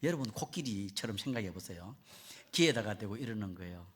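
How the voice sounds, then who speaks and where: A man preaching a sermon as a visiting missionary, his pitch swinging widely as he speaks. He tells stories with lively, animated delivery and acts out quoted voices. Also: brisk, breathy edge.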